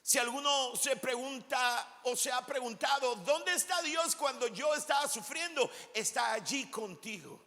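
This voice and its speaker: A man delivers a sermon from the pulpit in a high, bright voice. He speaks slowly and deliberately, drawing out key words and rising into shouts. His voice trails off into the long echo of a large church hall. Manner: emphatic preaching with slow drawn-out phrases and sudden shouts. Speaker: pastor.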